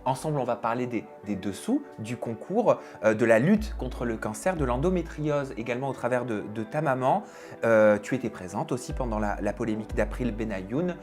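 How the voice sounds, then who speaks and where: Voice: mid-range voice, expressive, normal speed, a little mellow. Interviewer, friendly, probing questions, faint music behind. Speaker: interviewer host.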